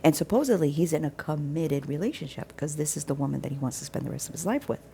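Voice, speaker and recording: Woman, casual storyteller, dark gravelly voice, chatty testimony. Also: low voice, expressive, fast, a little hiss or hum. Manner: chatty, acts out quoted dialogue with restarts. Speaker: vlogger sharing a faith testimony.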